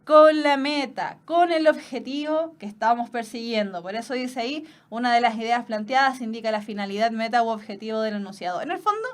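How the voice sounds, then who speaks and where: Chilean woman teaching a class, a bit high. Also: brisk, hardly any pauses. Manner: explains with everyday examples, repeats ideas in other words. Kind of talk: online exam-prep class.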